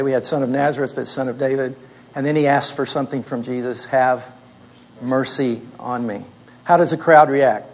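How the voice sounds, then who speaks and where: A man's voice: mid-range voice, a little mellow, rough recording. A man teaching a class. He walks the students through a story by putting questions to them and often answering them himself, in a plain mid-range voice. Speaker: instructor.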